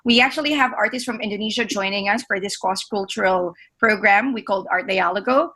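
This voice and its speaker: A woman's voice: mid-range voice, fairly quick, bright, forceful tone. A woman speaking at a webinar, answering an audience question in a conversational way with many fillers.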